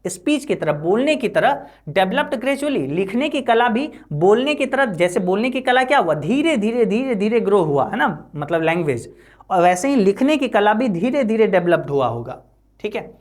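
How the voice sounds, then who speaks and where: A woman teacher explaining an English textbook chapter line by line, reading each English line slowly and then explaining it in a chatty way, with constant checks like "right?" and "okay". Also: mid-range voice, big pitch swings. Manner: constant "है ना" and "ठीक है" tag checks; chatty, addresses students directly.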